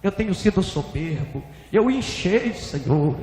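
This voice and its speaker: A man playing a desperate, weeping pastor who cries out loudly for mercy. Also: high voice, expressive, unhurried. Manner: pleading, crying out loudly. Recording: echoey hall reverb.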